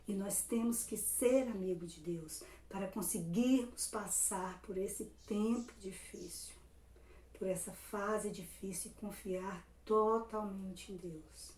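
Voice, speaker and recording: Woman, Brazilian Portuguese accent, Sunday school teacher, slow, mellow, echoey room from a distance. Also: mid-range voice. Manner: asks rhetorical questions and answers them. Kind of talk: children's Bible lesson.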